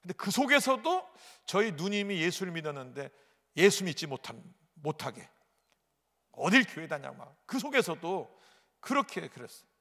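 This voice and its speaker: A male pastor preaching a sermon, telling a personal story dramatically with sudden loud outbursts and repetition. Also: sits high, big pitch swings, normal speed. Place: large church sanctuary. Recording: echoey church hall.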